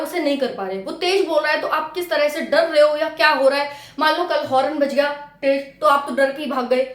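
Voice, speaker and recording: A woman's voice: sits high, roomy sound. A woman coaching exam candidates in a casual, chatty way, repeating her points and speaking to viewers as friends. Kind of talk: casual classroom-style explainer.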